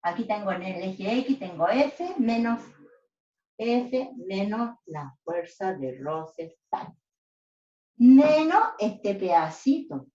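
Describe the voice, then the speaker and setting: A woman's voice: medium pitch, lively intonation, slow, darkish tone. A woman teaching physics step by step, stopping often to check that students follow. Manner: checks in with "¿ya?" after each step. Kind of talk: whiteboard lesson. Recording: echoey room, dull lo-fi sound.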